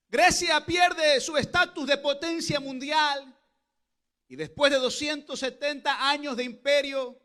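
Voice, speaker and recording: A man pastor delivering an impassioned Pentecostal sermon at a church service, often rising into shouted exclamations. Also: extremely high pitch.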